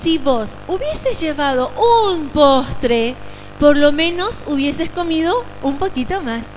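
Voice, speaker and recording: A patient mother calmly sets her daughter straight, as a woman telling a story puts her on. The tone is gentle and scolding, and the voice sits fairly high. A loud engine hum fills the background. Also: slow, rough recording.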